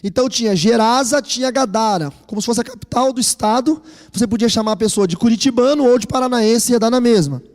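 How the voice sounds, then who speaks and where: A man's voice: extremely high pitch, quick pace. A male pastor with a Brazilian Portuguese accent preaching a sermon, telling personal stories and acting out the dialogue. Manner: animated storytelling, acting out dialogue. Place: church. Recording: reverberant church hall.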